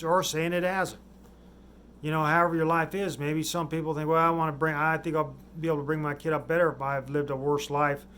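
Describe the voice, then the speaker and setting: Rambling man with a higher voice. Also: a bit bright, slight background noise. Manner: rambling, restarts often, trails off into mumbles. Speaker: vlogger. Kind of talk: rambling monologue.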